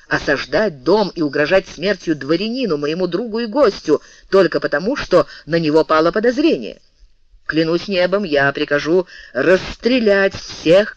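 A male audiobook reader voicing a calm, commanding general who speaks in a measured, resonant way, in dull, dry lo-fi audio. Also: high-pitched, no echo.

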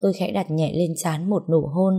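A woman narrating a first-person story in a calm, measured way. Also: on the low side, breathy edge.

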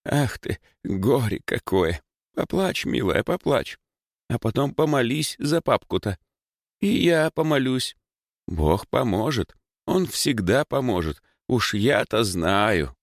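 A man's voice: medium pitch, big pitch swings, takes it slowly, dry recording, pitched above the performer's own voice, full character voice. A kindly old village grandmother, voiced by a man in a raised, lilting voice. She croons and laments in a sing-song way. The read is close and dry, with no room around it. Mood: comforting. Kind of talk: audiobook character voice.

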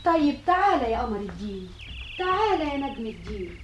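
A woman's voice: on the high side, very animated, fast talker, a little hiss or hum. A woman voicing a sad, tender queen mother in an Egyptian radio play, with an Egyptian accent. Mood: puzzled. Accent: Egyptian Arabic. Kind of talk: 1960s Egyptian radio drama acting. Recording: dull old radio recording.

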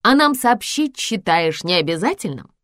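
A woman's voice: fairly low pitch, big pitch swings, measured pace, dry recording, clean studio sound. A woman doing a blustering, barking hunting lord. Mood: irate. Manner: loud, irate, barking.

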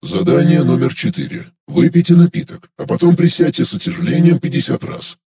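A man's voice: a little high, brisk, mellow, close to an everyday voice. A man narrating an audiobook and voicing an impersonal game system that announces tasks formally.

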